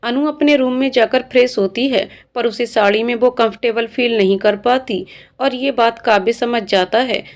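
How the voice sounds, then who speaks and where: A woman narrating a long family story in a steady, clear reading voice. Her pitch sits slightly high for a woman. She moves the story along evenly. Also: normal speed.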